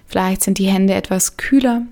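A woman leading a guided meditation in a soft, soothing way, leaving gentle pauses between phrases. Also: mid-range voice.

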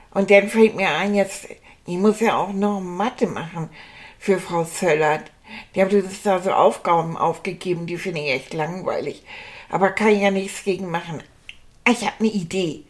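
A woman's voice: medium pitch, close to an everyday voice. A woman voicing a lazy, bossy schoolboy who acts like a king, whining and demanding in a children's puppet comedy. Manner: whiny, demanding, sulky.

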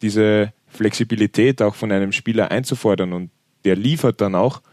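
Man, low voice, earnest co-host, dry sound. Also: moderate pace, darkish tone, dry recording. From Vienna. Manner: earnest, emphatic. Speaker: podcast co-host. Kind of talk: casual sports podcast chat.

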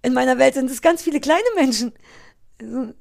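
A woman co-hosting a podcast, chatting casually about a TV series in an animated way, often restarting her sentences. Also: high-pitched, creaky. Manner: animated, quick, restarts and self-corrections. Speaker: podcast co-host. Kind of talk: casual chat reviewing a TV series.

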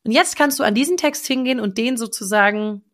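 A woman's voice: on the high side, brisk. A woman hosting a podcast, coaching the listener directly in a casual, enthusiastic, slang-filled way. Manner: enthusiastic and slangy, with lots of exclamations. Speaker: podcast host and manifestation coach.

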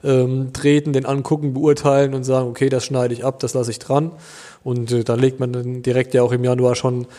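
A man in his thirties from Germany, a winemaker answering interview questions in a relaxed, hesitant way with many fillers. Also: mid-range voice, fairly quick, long reverb tail. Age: 30s.

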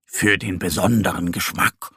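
A man voicing an eager little boy bear in a children's story, a bit gravelly. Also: low-pitched, moderate pace, bright, forceful tone, dry recording, clean studio sound, full character voice.

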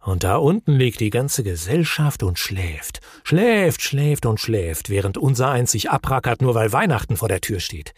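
A man's voice: medium pitch, big pitch swings, normal speed, few pauses, slightly rough, no room sound, clean studio sound. Man doing a grumpy fussy troll creature. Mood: grumbling. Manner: irritable, grumbling.

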